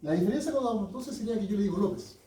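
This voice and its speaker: A man's voice: sits high, animated, rapid-fire, mellow, far from the mic, slight background noise. Male teacher lecturing in echoey classroom. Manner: asks students frequent check-in questions.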